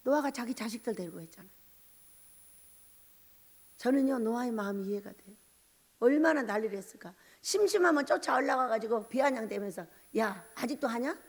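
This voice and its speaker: A woman's voice: a little high, animated, brisk, pauses often. A middle-aged woman pastor giving an emphatic sermon full of rhetorical questions, in a mountain church. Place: church sanctuary at a mountain prayer retreat. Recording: long hall reverb.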